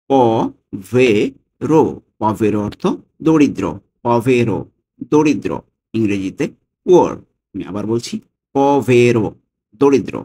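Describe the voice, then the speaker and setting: Mellow, husky-voiced male language tutor. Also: medium pitch. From Bangladesh. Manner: repeats each word slowly and stresses it. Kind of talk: vocabulary lesson.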